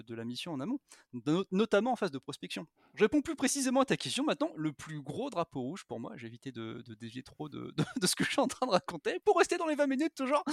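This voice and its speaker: A man talks as a podcast guest in an energetic, frank way, his pitch swinging up and down as he makes his points. He stumbles and restarts often and fills pauses with hesitations. The sound is dry and close, with no room echo. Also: creaky. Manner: animated, frank, lots of fillers and restarts. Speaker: podcast guest, content strategist. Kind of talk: casual podcast conversation.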